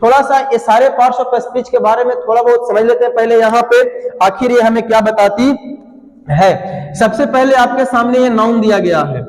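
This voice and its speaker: High-voiced man drilling a grammar class. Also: moderate pace. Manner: drills pronunciation with repeated call-and-response questions. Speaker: English teacher. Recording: echoey room with long reverb.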